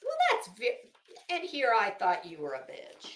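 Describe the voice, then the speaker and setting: A woman's voice: mid-range voice, wildly swooping pitch, a little slow. A woman livestream host giving sarcastic, sweary commentary and dramatic readings in a hammy, theatrical manner. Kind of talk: casual commentary to a live chat with dramatic readings. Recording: roomy, echoing sound.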